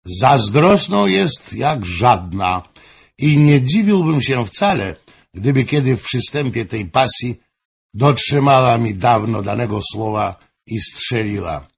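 A man reading an audiobook, voicing a jovial king who talks mockingly among friends, with a husky voice. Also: medium pitch, big pitch swings, takes it slowly, full character voice. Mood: amused. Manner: mocking, chatty. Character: amused, jovial king, middle-aged man.

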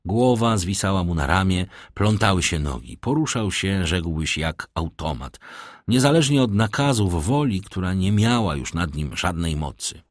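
A man narrating a classic novel as an audiobook in an expressive, dramatic manner. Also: low-pitched, normal speed, dry recording, studio quality.

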